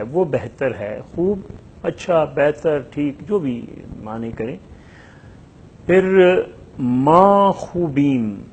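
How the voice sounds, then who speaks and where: A man teaching a language lesson, stretching out example sentences slowly and repeating each one with several translations. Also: medium pitch, a little mellow, a little hiss or hum. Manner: slow, drawn-out modelling of example sentences.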